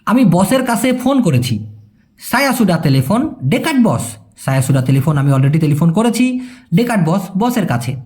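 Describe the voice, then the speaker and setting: A man giving a casual language lesson, patiently repeating phrases slowly and asking if it is clear. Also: high-pitched, big pitch swings, a little mellow. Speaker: language teacher.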